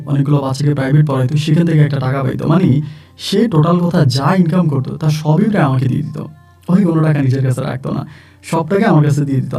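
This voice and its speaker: A man's voice: on the high side, warm tone. A man telling his own true-life story in plain, conversational first-person narration, often repeating himself. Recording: distant mic with faint music.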